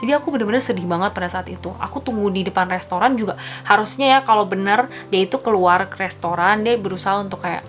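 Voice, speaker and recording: A woman's voice: medium pitch, quick pace, fairly bright tone, faint music behind. A woman telling a personal story in a casual, slangy vlog chat, often calling out to her viewers. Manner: chatty, slangy, addresses viewers as guys. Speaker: vlogger.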